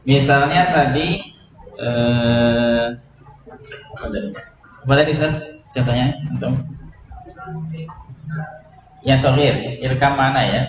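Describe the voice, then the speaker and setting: Man teaching in an echoey room. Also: mid-range voice. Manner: explains rules slowly, asks students questions. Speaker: Quran recitation teacher. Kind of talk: classroom tajwid lesson. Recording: echoey room, dull, noisy.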